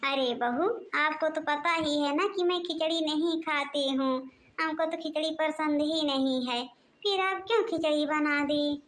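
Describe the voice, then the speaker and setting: A woman's voice: sits high, measured pace, a bit bright. Woman voicing a grumbling old cartoon mother-in-law. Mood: whiny. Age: older. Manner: complaining, nagging, muttering plots to herself. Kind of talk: cartoon voice acting.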